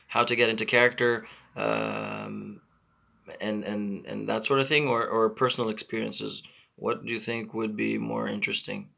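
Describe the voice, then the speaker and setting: Casual stream host, male, 30s, from Israel; slightly low, bright voice, halting and filler-heavy. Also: creaky. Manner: halting, repeats words, many fillers. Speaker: channel host. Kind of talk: casual live-stream chat, reading comments.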